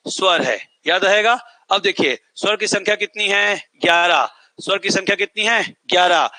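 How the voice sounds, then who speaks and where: A man's voice: high-pitched, moderate pace, bright, forceful tone, no echo. A man teaching a class in a lecture style, repeating points and quizzing students who answer back. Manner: repetitive, quizzing, drills answers. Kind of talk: classroom lecture with call-and-response questions.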